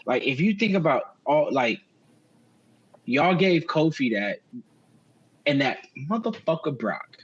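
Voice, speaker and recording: A man's voice: fairly high pitch, big pitch swings, slow, pauses often, slightly rough, muffled recording. A man co-hosting a podcast, talking wrestling in a casual, slangy way and swearing freely. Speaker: podcast co-host.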